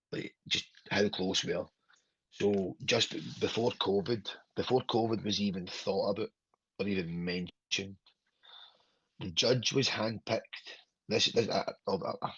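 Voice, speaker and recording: In dull, lo-fi, echo-free podcast audio, a pro wrestler in his thirties from Glasgow chats casually. His voice is fairly low and fairly bright with a breathy edge. He's rambling and sweary, regularly checking "do you know what I mean".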